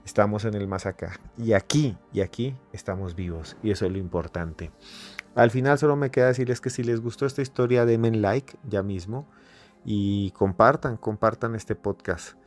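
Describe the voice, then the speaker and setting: A low-voiced man narrates a fable on his podcast, stressing his points by repeating words. A faint music bed sits beneath his storytelling. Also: moderate pace. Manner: emphatic, repeats words for effect. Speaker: podcast host.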